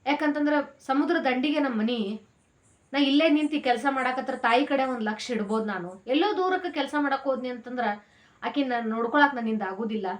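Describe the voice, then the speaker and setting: A woman's voice: sits high, fairly quick, natural voice. A woman voicing a devoted, determined young fisherman son who speaks earnestly.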